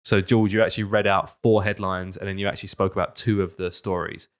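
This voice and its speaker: A British man with a fairly low voice is running a casual podcast quiz. He talks to his friends in an informal, bantering way as he sets questions and gives out points. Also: flat delivery, fast, smooth.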